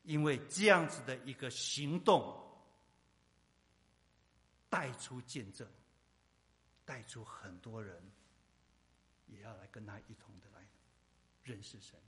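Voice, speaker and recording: A male pastor preaching a sermon with emphatic repetition, swinging from loud to hushed. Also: medium pitch, slow pace, long pauses, in a large hall.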